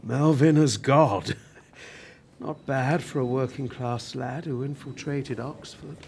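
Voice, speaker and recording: Voicing a dying older TV writer from a working-class background, proud, prickly and reflective with a wry, deliberate delivery, this radio-play actor adopts a full character voice. He is a man with a mid-range, gravelly, husky voice that is a little mellow, and the mood is wry and sardonic.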